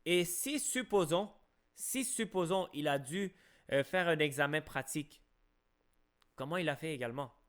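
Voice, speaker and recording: Argumentative Québécois man, slightly high voice. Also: expressive, moderate pace, fairly bright tone, clean tone. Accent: Québécois French. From Quebec, Canada. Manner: argumentative, rhetorical questions, frequent restarts. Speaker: live-stream host. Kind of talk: opinionated live-stream monologue.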